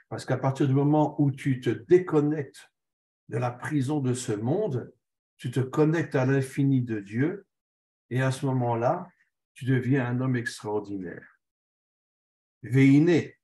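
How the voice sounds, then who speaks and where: A man's voice: mid-range voice, a little mellow. A man, a rabbi, giving a religious text lesson. He reads short passages aloud, then explains them earnestly in plain terms. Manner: earnest, repeats key phrases for emphasis. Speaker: rabbi teaching.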